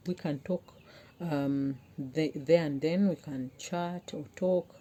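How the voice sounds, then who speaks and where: A woman's voice: low-pitched, takes it slowly, mellow. A young woman vlogger talking earnestly to her viewers, pleading and heartfelt as she gives relationship advice. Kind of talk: personal talk to camera.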